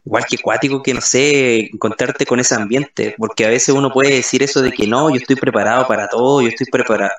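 A man's voice: mid-range voice, fairly even intonation, a little fast, few pauses. A man, a podcast co-host chatting casually and reflecting with joking remarks. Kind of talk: casual chat. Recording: echoey room, far from mic.

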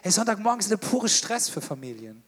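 A middle-aged male pastor preaching a sermon. He speaks in a lively, emphatic, colloquial way and talks directly to the congregation. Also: sits high, brisk, husky.

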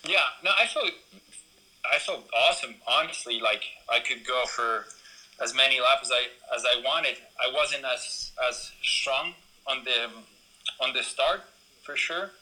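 Young guy from ecuador chatting about his racing, super bright voice, lots of um and you know. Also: medium pitch, unhurried, rough recording. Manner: rambling, many fillers and restarts. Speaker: BMX racer, guest. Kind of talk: casual interview chat.

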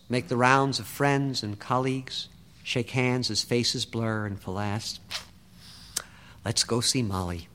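A man's voice: medium pitch, fairly bright tone. A man reciting a rhyming spoken-word story with a driving, rhythmic delivery. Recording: long reverb.

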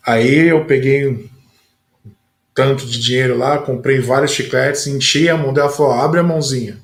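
Pastor host telling folksy church stories, echoey room. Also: male voice, medium pitch, steady tone, normal speed. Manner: folksy anecdotal storyteller. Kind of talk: casual podcast conversation. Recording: roomy echoey sound.

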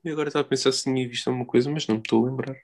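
A man of medium pitch hosts a relaxed-format podcast in a European Portuguese accent. He talks informally, in a halting way, often doubling back to rephrase what he began. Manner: informal, halting and circling back over phrases. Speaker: podcast host. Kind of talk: casual chat.

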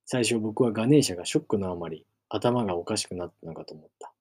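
A man reading a novel aloud as narrator, in measured storytelling. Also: lowish voice, darkish tone, husky. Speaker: reader.

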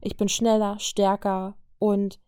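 A woman voicing a troubled, gentle young mutant woman in an audiobook reading, speaking softly and hesitantly. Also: medium pitch, flat delivery, takes it slowly, smooth, dry recording, clean studio sound, lightly acted. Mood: subdued.

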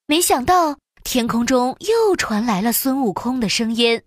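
A woman narrating a children's storybook in an expressive, sing-song storytelling way. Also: a little high, measured pace, dry recording, studio quality.

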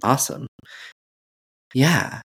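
Hosting a podcast, this man asks questions casually in a casual interview, sounding hesitant and using many "uh"s. His voice is slow with a fairly bright tone.

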